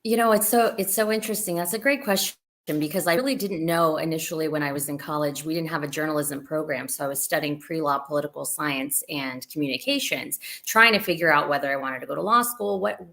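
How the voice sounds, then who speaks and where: A woman's voice: low-pitched, fast, vocal fry, fairly bright tone. A woman in her forties, a TV news anchor, telling an earnest story on a panel.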